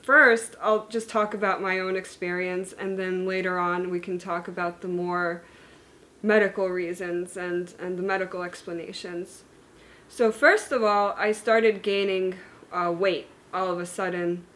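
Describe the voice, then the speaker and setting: A woman in her thirties, born in Germany and raised in the United States and Hungary, vlogs candidly to camera about her illness, using fillers and correcting herself. Her fairly low, steady voice is unhurried with a fairly bright tone. The recording is rough.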